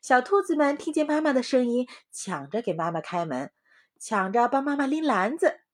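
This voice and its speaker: A woman in her thirties telling a children's bedtime story in a gentle, expressive, singsong way. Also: high-pitched, normal speed.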